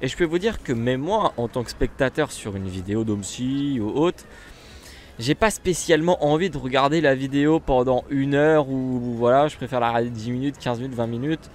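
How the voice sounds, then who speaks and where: A man's voice: mid-range voice, a little fast, darkish tone, slight background noise. A man with a French accent casually commenting while he plays a bus simulator, chatty and rambling with lots of fillers and restarts. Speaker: gaming YouTuber.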